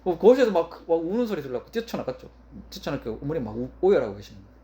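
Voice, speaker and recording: A man's voice: a little high, very animated, very fast, dark tone, slight background noise. A male pastor preaching a sermon in an emphatic way, often repeating his key phrases.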